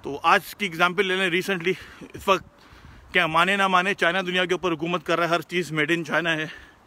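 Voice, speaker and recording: Hosting a casual live stream, a man with a Pakistani Urdu accent answers viewer questions while driving past shops outdoors, earnest yet relaxed and mixing in English words. His voice sits high, level and sharp, at a normal speed.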